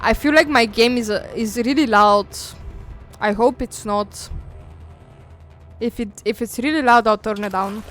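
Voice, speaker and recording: Young female streamer, slightly high voice, loose playful gaming banter. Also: measured pace, pauses often, a bit bright, soft background music. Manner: swearing, playful, bursts of laughter and screams. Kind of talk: casual gaming chat.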